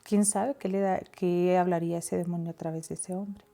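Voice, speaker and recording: A woman's voice: on the low side, steady tone, normal speed, gravelly, dark tone, soft background music. A woman co-hosting a casual Bible discussion, reading verses aloud and explaining them. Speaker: Bible study co-host.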